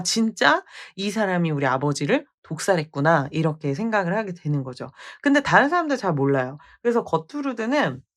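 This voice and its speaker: A woman retelling the plot of a classic play in a casual, conversational way, with frequent rhetorical questions. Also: low voice. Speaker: literature storyteller.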